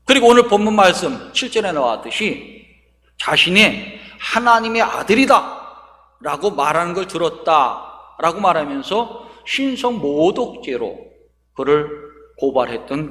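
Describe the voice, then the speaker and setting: A man's voice: on the high side, very animated, unhurried, a bit bright. A man preaching a sermon as pastor, speaking emphatically and posing rhetorical questions to the congregation. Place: church sanctuary. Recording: long reverb of a church hall.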